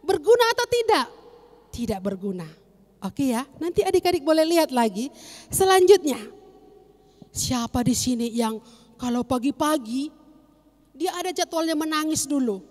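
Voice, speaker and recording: A young woman teaching children at Sunday school, animated, asking questions and answering them herself. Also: high voice, moderate pace, long pauses, long reverb tail.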